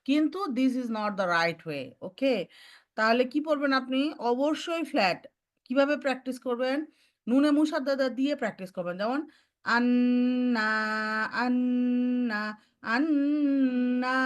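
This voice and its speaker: A woman teaching Quran recitation, mixing in English terms and demonstrating each sound slowly. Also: sits high, lively intonation. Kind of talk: online recitation lesson.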